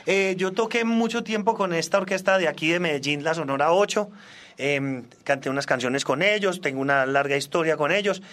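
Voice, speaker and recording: A forty-something musician from Australia, native in English, guests on a radio show as a salsa singer and trombonist, keeping things casual. His delivery is fairly quick, his pitch a little high, and his tone a bit bright.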